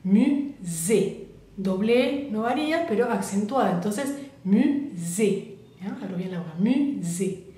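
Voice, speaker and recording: A woman's voice: mid-range voice, animated, darkish tone. Echoey-voiced woman teaching French. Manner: patient, repeats words slowly for learners. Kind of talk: online language lesson. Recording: very echoey room.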